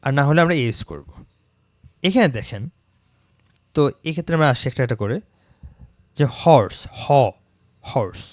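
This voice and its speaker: A man teaching an English grammar lesson, repeating example words slowly to show how they sound and mixing English terms into his talk. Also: on the high side, sing-song, no room sound, clean studio sound. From Bangladesh.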